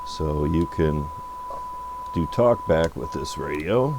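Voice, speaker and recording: Slow and expressive, a bass-voiced radio repair presenter improvises a hands-on product demo at an electronics workbench, musing aloud. The recording is noisy and hums with electricity.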